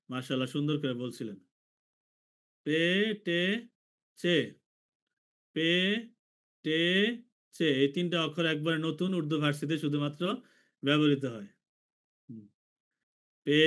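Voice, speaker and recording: Guy from bangladesh teaching letters in an online class, higher voice, says everything twice. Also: fairly bright tone. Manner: slow, repeats each letter for students to copy. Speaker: language teacher. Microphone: video call.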